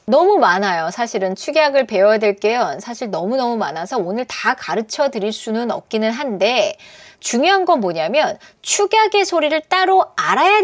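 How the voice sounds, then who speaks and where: A woman lecturing on English pronunciation, her fairly high voice rising and falling with animated emphasis. She slows down to model each word carefully. The recording is dry and close. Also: no echo. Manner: lively, emphatic, models English words slowly.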